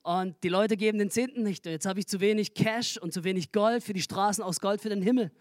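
A man's voice: sits high, fairly even intonation, fast talker, no room sound, studio quality, close to an everyday voice. A man preacher voicing God as a fretting heavenly banker, joking and mock-panicked.

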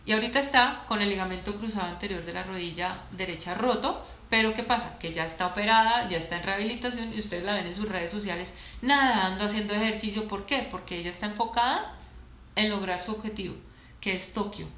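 A woman's voice: mid-range voice, fast. Woman, sports doctor, chatty and playful storyteller; roomy echo, faint noise underneath. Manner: animated, laughs often, playful storytelling. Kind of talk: casual interview talk. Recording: echoey room, faint background noise.

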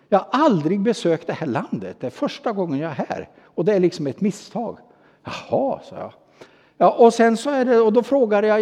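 A man's voice: high-pitched, dark tone. Swedish-speaking man preaching in a reverberant hall. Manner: personal anecdote told with hesitations and quoted dialogue. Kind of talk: sermon storytelling.

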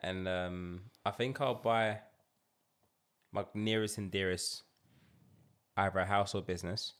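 A man's voice: deep voice, steady tone, unhurried, fairly bright tone, clear, resonant tone. A man with a London roadman accent and street slang, bantering casually with friends.

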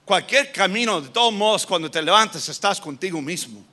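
High, bright-voiced preacher man. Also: expressive, normal speed. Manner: switches between Spanish and English, shouts for emphasis, mimics voices. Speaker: pastor. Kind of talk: sermon.

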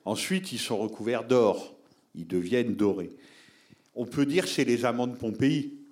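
A man's voice: medium pitch, normal speed, darkish tone. A man giving a public talk on film, answering audience members in an explanatory, emphatic way and addressing listeners directly.

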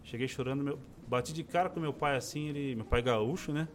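Man, 40s, interview guest, casual personal testimony, expressive, acts out quotes, faint background music. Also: mid-range voice, fairly quick.

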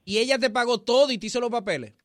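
A man runs a call-in show, joking with callers and co-hosts. His voice sits high and the words tumble out fast and animated. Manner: animated, quick, teasing. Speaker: radio show host taking calls. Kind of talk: casual call-in chat.

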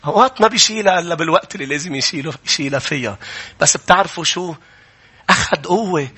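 A man's voice: a little high, racing, sharp tone, husky. A man with a Levantine Arabic accent preaching a sermon, emphatic, repeating key phrases and putting questions to his listeners. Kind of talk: sermon, exhorting a congregation.

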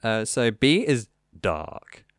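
A male podcast host talking casually, rambling enthusiastically and piling up fillers. His smooth voice swings up and down in pitch. The sound is close and dry. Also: big pitch swings, slow pace, no echo. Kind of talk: casual chat.

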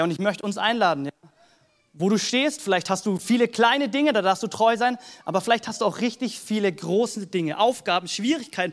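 Pastor, male, high-pitched, earnest, chatty preaching. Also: a bit bright. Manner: earnest, conversational preaching with Bible readings. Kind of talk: sermon.

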